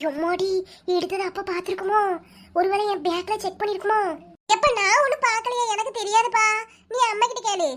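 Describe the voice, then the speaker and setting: A woman with a Kanyakumari Tamil accent voices a whole cartoon family. Her voice sits extremely high. She delivers quick, scolding, teasing dialogue. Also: fairly even intonation, a bit bright. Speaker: cartoon narrator and voice actor. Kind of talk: cartoon voice acting, all characters.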